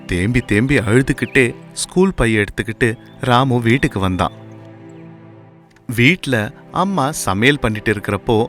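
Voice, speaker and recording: A man telling a moral story in scripted, measured storytelling narration. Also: mid-range voice, expressive, fairly bright tone, soft background music.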